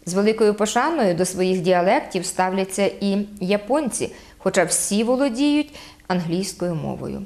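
Woman, Podillia accent, middle pitch, halting explanatory delivery with many fillers, contrasts word pairs slowly. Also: animated, darkish tone. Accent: Podillia Ukrainian. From Podillia, Ukraine. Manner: hesitant, frequent "e" fillers, spells out sounds slowly. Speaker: guest explaining local dialect. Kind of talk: explanatory talk on dialect.

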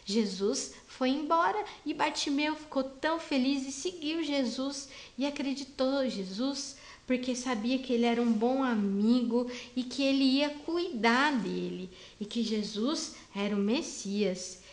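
A woman teaching a Bible lesson to small children, talking gently and simply. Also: high voice, unhurried, hardly any pauses, roomy sound. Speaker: Sunday school teacher.

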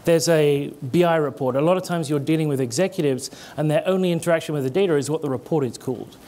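A fast, warm, fairly high-pitched male voice belongs to a middle-aged British conference speaker on stage with a headset mic. His British accent has an American edge. The delivery is conversational, with gestures as he explains and restarted words.

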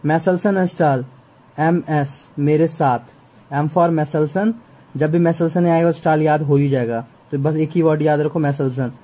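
Dark-voiced man tutoring biology. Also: on the high side, steady tone, slow pace, rough recording. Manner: chatty, repeats, keeps checking students follow. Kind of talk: exam-prep lesson.

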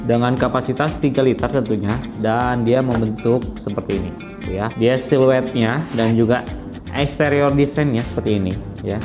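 A man in his thirties giving a casual product review, chatty and slangy, pausing with fillers as he handles the item. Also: mid-range voice. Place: studio with dark curtain, seated at table. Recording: voice over clear guitar music. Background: background guitar music.

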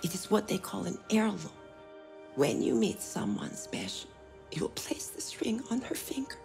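A woman playing a gentle, secretive mother confiding in her young son in a video game, her voice hushed. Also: medium pitch, huge pitch swings, normal speed, over music. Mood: tender, hushed. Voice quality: hushed, creaky. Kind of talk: intimate video game drama.

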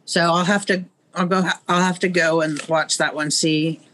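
A woman's voice: on the low side, fairly even intonation, normal speed, fairly bright tone, slight background noise. A middle-aged woman guiding a museum, speaking on a video call in a knowledgeable way with frequent hesitations. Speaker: museum guide. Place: museum exhibit room, indoors. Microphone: video call, webcam.

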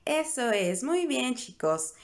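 A woman teacher leading small children in a greeting song and action game, slow and sing-song. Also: high-pitched, sing-song.

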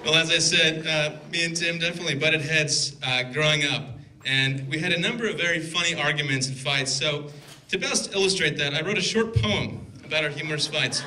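Inside a wedding reception hall, a best man in his twenties reads a dryly teasing toast from notes into a handheld microphone. His fairly high voice moves fairly quickly over a noisy background of laughing guests.

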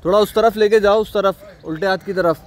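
A man with a Karachi Urdu accent, a slightly high voice, commenting off camera on cattle at an outdoor farm. He keeps saying mashallah and calls out orders to the handlers. Faint outdoor noise with passing vehicles sits behind him. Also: fairly even intonation, brisk. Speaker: cattle market vlogger. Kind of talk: off-camera commentary showing livestock.

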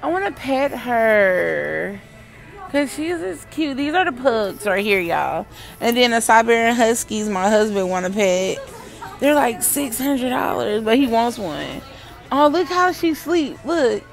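A woman's voice: on the high side, big pitch swings, measured pace, creaky, faint music behind. A woman filming a casual vlog in a pet store on a handheld phone, giggling and cooing at the animals while she talks to her viewers. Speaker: vlogger.

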